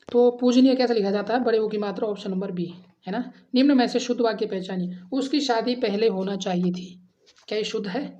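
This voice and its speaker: A woman teaching an exam-prep grammar lesson, reading out each question and its options. She keeps asking her students what they think before settling on the answer and repeating the option letter. Her voice sits at an ordinary middle pitch, and the recording sounds dull and lo-fi. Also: a little mellow. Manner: addresses students as friends, asks and answers quiz questions.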